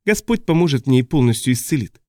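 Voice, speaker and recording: A man's voice: medium pitch, animated, quick pace, darkish tone, dry recording, studio quality, lightly acted. A man reading an audiobook, voicing an earnest, cheerful young male preacher. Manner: earnest, naive.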